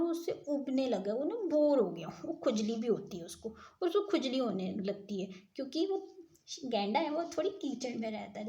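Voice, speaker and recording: A woman with a high, slightly mellow voice reads and explains a children's story, retelling each line and explaining the wordplay. She often stops to ask her listeners questions.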